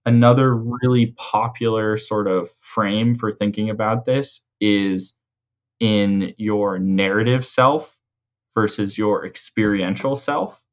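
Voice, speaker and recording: A man in a conversational coaching role, explaining ideas in a measured way and rephrasing his points. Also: on the low side, fairly even intonation, lo-fi sound. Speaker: host and coach explaining mental frameworks.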